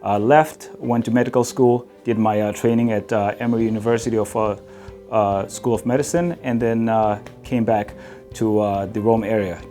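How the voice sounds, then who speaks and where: A man from Zimbabwe, a podiatrist, introducing himself earnestly, with frequent pauses and fillers. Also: fairly low pitch, steady tone. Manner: earnest, hesitant, many fillers. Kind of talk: introductory clip to camera. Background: soft guitar music.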